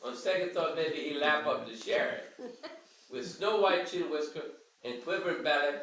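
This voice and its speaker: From an armchair indoors, an older man performs a dialect verse story at bedtime, reading theatrically in Cajun dialect. He speaks at a moderate pace in a fairly bright voice on the high side, picked up at a distance by a handheld camera a few metres away, so the home recording sounds roomy.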